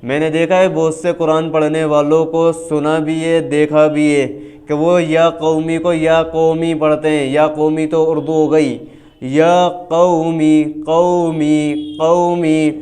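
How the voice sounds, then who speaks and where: A man teaching Quran reading who spells letters out syllable by syllable and then reads them smoothly. He speaks in a firm, instructive way. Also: a little high, level tone, a little mellow. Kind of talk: spelling drill lesson.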